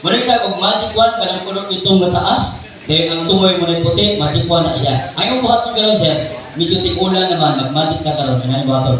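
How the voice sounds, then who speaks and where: In an echoey party hall with blaring music and a noisy crowd, a Visayan-accented Filipino magician-host keeps up his show patter, teasing the audience with prompts and games. He speaks briskly in a high-pitched voice, heard through a distant mic.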